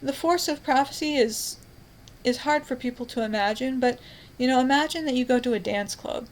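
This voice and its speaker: A woman's voice: fairly high pitch, poor audio. A woman giving a rambling, fervent evangelizing monologue as a self-styled prophet, with frequent restarts and "you know" fillers.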